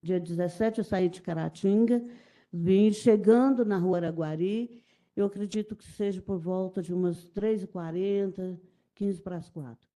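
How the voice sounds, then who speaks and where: A middle-aged Brazilian woman giving halting, repetitive, emotional testimony as a witness in a courtroom. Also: lowish voice, mellow. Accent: Brazilian Portuguese. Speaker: witness testifying in a jury trial.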